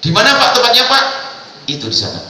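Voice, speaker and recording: A man voicing an eager searcher who asks loud, urgent questions in a raised voice. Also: very high-pitched, wildly swooping pitch, fast talker, voice pushed up, exaggerated voice. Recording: echoey mosque hall from far off.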